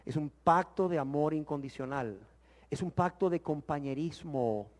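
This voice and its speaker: A man teaching the Bible in sermon style, emphatic and full of rhetorical questions, swinging from loud exclamations to hushed words. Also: a little high, moderate pace.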